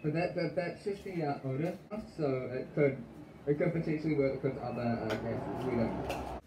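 A man's voice: medium pitch, moderate pace. Man talking through a gas mask. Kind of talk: casual product test demo. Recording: roomy with clear background noise.

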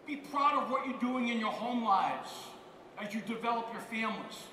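A man's voice: very high voice, lively intonation, moderate pace, pushed and bright, a little hiss or hum. A man giving an emphatic motivational keynote on a conference stage, repeating key phrases. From United States. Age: 50s. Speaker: keynote speaker. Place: large conference hall on stage. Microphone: headset mic. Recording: roomy hall reverb, heard from far off.

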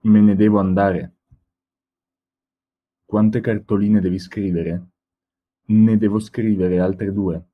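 Slow, husky low-voiced man. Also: fairly even intonation, phone-quality sound. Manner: slow, deliberate, carefully spaced. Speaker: language teacher reading examples. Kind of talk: slow read-aloud example sentences.

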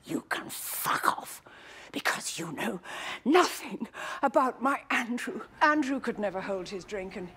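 A woman's voice: a little high, animated, a little slow, bright, forceful tone, husky, heavily acted. An actress in a TV drama playing a cold, haughty older mother who speaks with icy dismissiveness. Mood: defensive.

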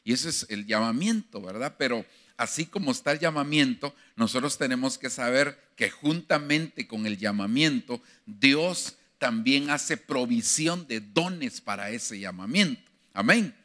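A man's voice: mid-range voice, expressive, measured pace, bright, forceful tone. A man preaching a sermon as pastor, addressing the congregation as brother and acting out biblical dialogues with growing fervor.

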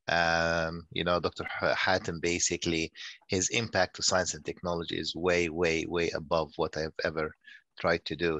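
A man's voice: sits low, pushed and bright, dry recording. A man in his sixties, raised in Nigeria, giving a conference talk over a video call, often repeating words as he goes. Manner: halting, many repeated words. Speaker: guest speaker.

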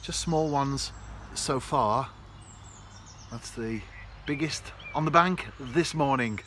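A man of medium pitch narrates a relaxed fishing vlog from a canal bank, taking things slowly. He chats reflectively and directly to a camera placed close before him. Birds and rural ambience make a faint outdoor backdrop.

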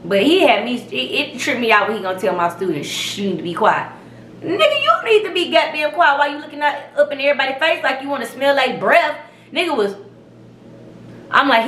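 Bright, animated woman ranting in an echoey room. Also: a little high, slight background noise. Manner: animated, profane, emphatic storytelling. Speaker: vlog host. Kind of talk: casual storytelling rant.

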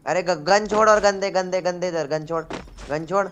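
A young man talks on game voice chat, his voice slightly high. He barks orders and threats at other players. Faint noise sits under his voice. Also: normal speed. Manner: bossy, yells at others in the game. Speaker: teammate in game.

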